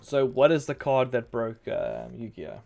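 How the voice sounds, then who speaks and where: A man's voice: mid-range voice, animated, a little slow, vocal fry, a little mellow. A man chatting casually on a live stream, telling loose, profane stories and acting out what people said. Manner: loose, profane storytelling with acted-out quotes.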